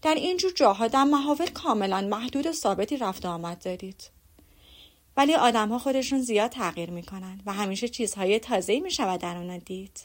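A woman reading an audiobook, voicing a proud, reserved young gentleman who speaks in a cool, measured way. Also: medium pitch, expressive, close to an everyday voice. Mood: aloof.

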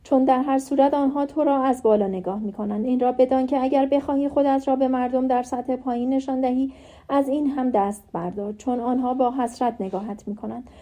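A woman voicing a gentle, wise, dying elderly male professor in an audiobook reading, giving calm, earnest advice. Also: sits high, natural voice.

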